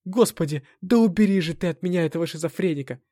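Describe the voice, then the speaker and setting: A man's voice: sits high, fast, mellow, no echo, clean studio sound, voice pushed up, lightly acted. A man voicing a shrieking furious young woman. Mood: hysterical. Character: young woman, mocking then shrieking in fury.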